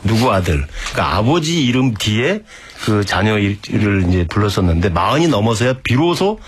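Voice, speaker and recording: A man's voice: fairly low pitch, big pitch swings, a little hiss or hum. A man on a talk show panel, telling stories and explaining things. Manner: storytelling, measured explanations. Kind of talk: casual talk show chat.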